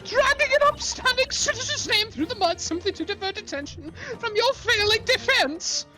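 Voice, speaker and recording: A woman voicing a haughty, outraged upper-class lady villain in a game, with theatrical, scornful menace and drawn-out words. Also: very high voice, expressive, over music, pitched above the performer's own voice, low-quality recording. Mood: haughty outrage.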